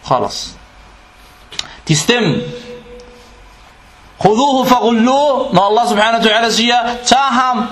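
High-voiced man preaching in an echoey room. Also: a bit bright. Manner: explains Danish, quotes Arabic scripture fast, asks the listeners questions. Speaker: Islamic preacher. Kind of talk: religious lecture.

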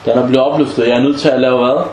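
A man's voice: medium pitch, steady tone, a crowd in the background. A man teaching a class on Islamic legal maxims, often asking the students questions and acting out short example dialogues. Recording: echoey room with faint background noise.

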